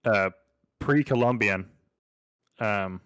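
A man's voice: on the low side, takes it slowly, fairly bright tone, clear, resonant tone, no room sound. A man co-hosting a casual podcast, chatting and joking with friends, often laughing and acting out silly quoted voices. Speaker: podcast co-host. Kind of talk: casual chat.

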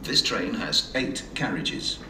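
A man making measured train announcements, heard over a station public address loudspeaker on a railway platform. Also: sits low, recorded from a distance. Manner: measured, even announcing delivery. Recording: echoey loudspeaker heard from afar, noisy.

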